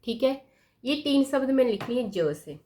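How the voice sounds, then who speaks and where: A woman teaching a lesson, writing words on a board and repeating each one slowly, often asking her pupils questions. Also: high-pitched, lively intonation, mellow. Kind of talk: slow classroom explanation at a board.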